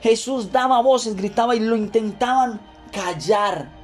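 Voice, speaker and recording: A man preaching a devotional sermon with fervent emphasis, driving his points home by repeating words and phrases. He reads scripture aloud as part of the message. Soft music plays faintly underneath. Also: very high voice, unhurried. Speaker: pastor.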